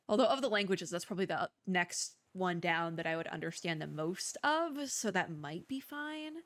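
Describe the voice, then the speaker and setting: A female video game streamer hosts while trying out a demo, her commentary relaxed, opinionated, and peppered with exasperated tangents. Her voice is mid-range with a slightly bright quality.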